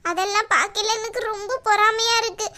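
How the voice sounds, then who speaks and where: A woman's voice: very high-pitched, fairly even intonation, a little fast, noisy background. A woman voicing a jealous, tearful young woman in a cartoon, complaining and pleading. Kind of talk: cartoon voice acting.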